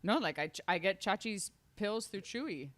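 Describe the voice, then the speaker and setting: Deadpan podcast interviewer, dry close sound. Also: medium pitch, moderate pace, no echo.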